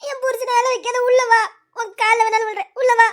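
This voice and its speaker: A woman's voice: flat delivery, fast. An actress playing a distraught wife who begs tearfully for her husband, in melodramatic acting with a Tirunelveli Tamil accent. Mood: tearful pleading. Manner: tearful, shrill pleading. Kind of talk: melodramatic web-series acting.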